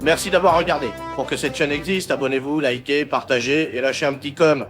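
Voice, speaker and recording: A man presents satirical news in a slangy, sardonic style. His voice is fairly high, with music clearly playing underneath. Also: a little fast. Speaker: host of satirical news show. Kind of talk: scripted satirical news narration.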